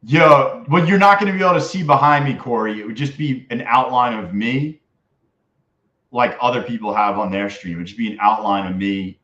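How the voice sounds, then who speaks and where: A man livestreaming in a casual, slangy, excitable frat bro manner as he chats with viewers. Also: medium pitch, fairly quick. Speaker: livestream host, day trader. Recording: dull lo-fi mic in echoey room.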